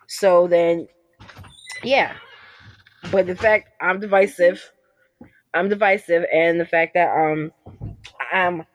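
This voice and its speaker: A woman activist from the United States, talking in an emphatic, animated way in a casual interview and acting out the exchanges she describes. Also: on the low side, no room sound. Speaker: activist guest.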